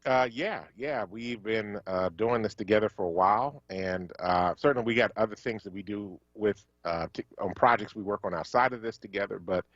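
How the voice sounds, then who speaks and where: A very low-voiced man from Philadelphia talks on a radio show in a relaxed, halting way, full of "uh" and "um". The sound is dull and dry, like a close studio microphone. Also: no echo. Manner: halting, many fillers, warm thanks. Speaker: radio co-host. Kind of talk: casual radio talk.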